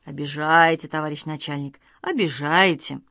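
A woman's voice: low voice, moderate pace, vocal fry, a bit bright, no room sound, studio quality. A woman reading aloud, voicing a grumbling middle-aged man who plays the sick victim and then bosses the boys around. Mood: wheedling.

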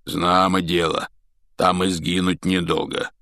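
A male narrator voicing a huge, rough-spoken giant gamekeeper who growls and rasps, talking slowly with halting, folksy speech. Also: low voice, flat delivery, sharp tone, no room sound, studio quality, exaggerated voice. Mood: gruff. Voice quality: growling, raspy. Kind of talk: audiobook character voice.

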